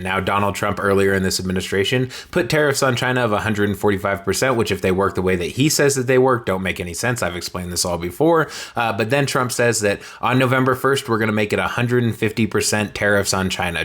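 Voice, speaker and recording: A man's voice: fairly low pitch, fairly bright tone. A man giving a casual, sarcastic and blunt recap of a political meeting, speaking straight to his viewers. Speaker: political commentator. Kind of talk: casual commentary video.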